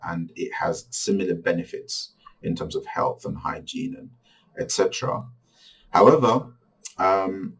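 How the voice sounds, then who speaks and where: A middle-aged man from Bangladesh teaching a recorded religious course lecture, halting with many restarts. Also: sits low, gravelly, slightly rough, recorded from a distance, poor audio.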